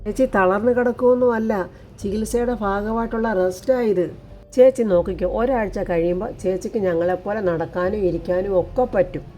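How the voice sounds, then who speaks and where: A woman's voice: mid-range voice, brisk, dark tone, soft background music, lightly acted. Reassuring younger sister, read by a woman. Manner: coaxing, reassuring.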